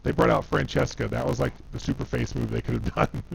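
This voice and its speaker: A man's voice: medium pitch, fairly even intonation, quick pace, creaky, slight background noise. A man in casual chat, his voice coming through with a robotic, transformer-like distortion, rambling with many fillers. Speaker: podcast co-host.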